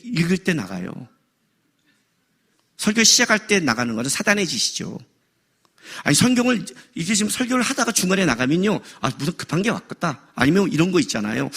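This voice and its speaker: Middle-aged male pastor preaching in church; bright, slightly husky voice, animated and joking. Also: a little high. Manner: animated, jokes and raises voice for effect. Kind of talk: sermon. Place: church worship service.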